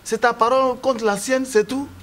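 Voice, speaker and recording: A man's voice: very high voice, fairly even intonation, normal speed, a bit bright, a little hiss or hum. An actor with an Ivorian French accent playing a blunt, scheming male friend. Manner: conspiratorial advising. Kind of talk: TV drama acting.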